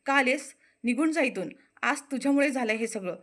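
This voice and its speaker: A woman's voice: a little high, flat delivery, fast, fairly bright tone, close to an everyday voice. A woman voicing an angry, tearful woman who scolds sharply. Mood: scolding.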